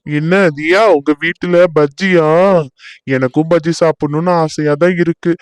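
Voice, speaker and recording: A sly, greedy young crow from a cartoon with a smooth, slightly raised voice, as a man plays him. He talks in a mocking, scheming way. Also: a little high, flat delivery, normal speed, no echo, natural voice. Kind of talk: cartoon voice acting.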